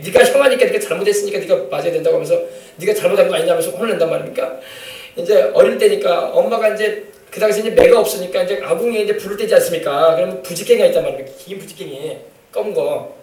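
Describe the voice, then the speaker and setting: A man's voice: high-pitched, fast, darkish tone. A male pastor preaching a sermon, emphatic, calling for amens and acting out family quotes. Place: church sanctuary. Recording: echoey church sound from a distant mic.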